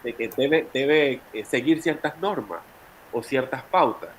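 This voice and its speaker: A man's voice: medium pitch, animated, unhurried, a little hiss or hum, rough recording. A man with a Panamanian Spanish accent leading a teacher training session, explaining at length and calling on participants by name. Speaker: workshop facilitator.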